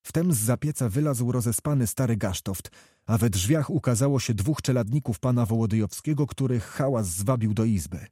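Mellow male audiobook narrator. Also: medium pitch, moderate pace, husky, no echo, studio quality. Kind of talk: scripted storybook narration.

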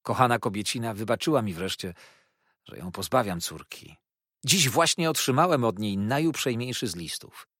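A man's voice: medium pitch, lively intonation, normal speed, fairly bright tone, dry recording, clean studio sound. A man reading an audiobook, voicing a cheerful young male lawyer who rambles eagerly about his new marriage. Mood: effusive.

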